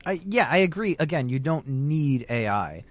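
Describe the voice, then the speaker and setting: A man's voice: a little high, big pitch swings, normal speed. Chatty man debating. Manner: chatty, lots of "like" and "you know", restarts. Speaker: author and debater. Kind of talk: casual debate.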